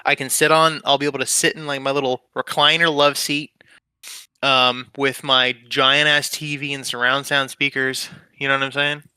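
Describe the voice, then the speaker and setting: A young man rambling through casual podcast chat, swearing freely and taking his time. His voice is very bright and sharp. It comes through smooth and crisp, recorded close and dry. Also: mid-range voice, flat delivery, normal speed, dry recording. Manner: rambling, profane, laid-back. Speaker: podcast co-host.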